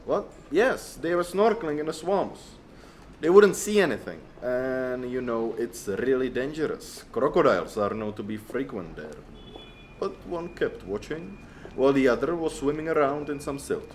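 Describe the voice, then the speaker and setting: A man playing a foreigner groping for English words and checking himself. His voice sits at middle pitch. A faint hiss hangs behind him. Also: lively intonation, normal speed, lightly acted.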